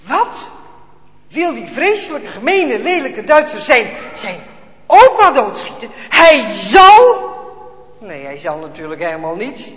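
A man telling a children's Bible story in an expressive, dramatic way, with small hesitations. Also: very high voice, slow. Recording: echoey hall, dull lo-fi sound.

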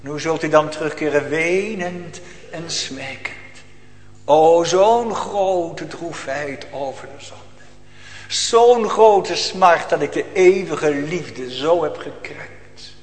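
A man preaches a sermon in a high, lifted voice. He swings from loud declaiming down to hushed near-whispers. His words ring out through a church hall with a long echo. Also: slow pace. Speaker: pastor.

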